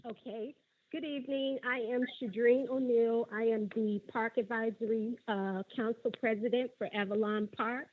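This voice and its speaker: A woman's voice: on the high side, moderate pace. Woman calling in over a tinny phone line. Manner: earnest, steady, lists her points one by one. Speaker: caller at a public budget forum. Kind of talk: prepared public comment. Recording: narrow phone-line audio.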